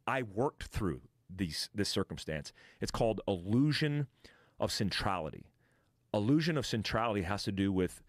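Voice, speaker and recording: A man's voice: lowish voice, no echo, studio quality. A man telling a war story as a podcast guest, in blunt, profane casual storytelling with restarts and vocal imitations of gunfire. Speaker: podcast guest, military veteran.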